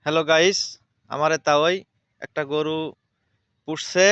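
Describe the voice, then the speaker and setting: A man's voice: fairly high pitch, little pitch movement, measured pace, a bit bright, smooth, dry recording. Male vlogger, chatty and repetitive, on lo-fi phone audio. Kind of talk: casual vlog narration. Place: outdoors with a cow.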